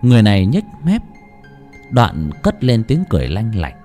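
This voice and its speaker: A male storyteller reading a horror tale with a very lively, swinging pitch. He moves from hushed, low passages to sudden louder beats, and faint music sits underneath. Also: moderate pace. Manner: expressive, swinging between hushed and loud. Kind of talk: dramatic horror story narration.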